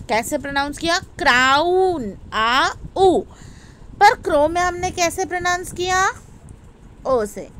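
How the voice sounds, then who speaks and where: A woman with an Indian accent teaching an English lesson, explaining slowly and asking her students questions, then answering them herself. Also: sits high, fairly bright tone, a little hiss or hum, poor audio. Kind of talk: classroom lesson in Hindi-English mix.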